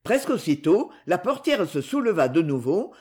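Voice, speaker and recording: A woman narrating a novel as an audiobook reader, expressive in her reading. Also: lowish voice, normal speed.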